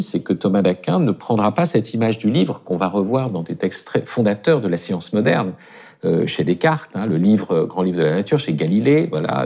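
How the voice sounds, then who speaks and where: A man's voice: sits low, vocal fry, dark tone, breathy edge. A man talking as a guest on a philosophy radio show, thinking aloud with many hesitations and restarts.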